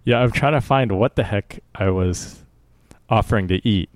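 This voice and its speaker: A man's voice: fairly low pitch, moderate pace, dry recording. A man co-hosting a podcast in casual chat, easygoing and wry. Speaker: podcast co-host.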